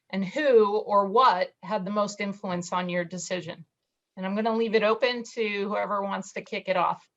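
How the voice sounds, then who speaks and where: A woman's voice: mid-range voice, fairly bright tone. A woman moderates a coaching panel, introducing speakers and asking questions in a friendly, upbeat tone. The sound is dull and lo-fi. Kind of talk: panel discussion.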